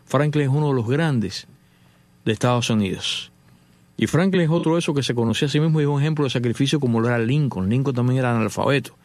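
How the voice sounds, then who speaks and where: Middle-aged man from Cuba, hosts a talk show, gravelly voice, tells stories with animation in a dry, close sound. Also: mid-range voice, quick pace, no room sound. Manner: animated storyteller, acts out dialogue. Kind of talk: casual storytelling monologue.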